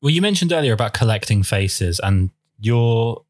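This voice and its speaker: A male podcast host asking his guest questions in a measured, thoughtful way. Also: mid-range voice, big pitch swings, a little mellow, dry recording, clean studio sound. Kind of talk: interview questions.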